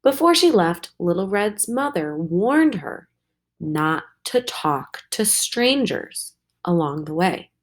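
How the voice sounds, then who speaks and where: A woman teacher reading a storybook aloud to her students, slow and expressive. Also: fairly low pitch.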